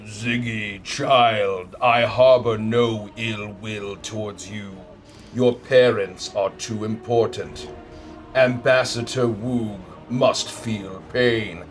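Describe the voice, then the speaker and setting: A man acts out a menacing psychic villain for a tabletop game. The voice drops low and moves very slowly, handing down solemn, formal pronouncements like an ominous fortune teller. Faint music plays behind it. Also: steady tone. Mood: calm menace. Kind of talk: tabletop role-play.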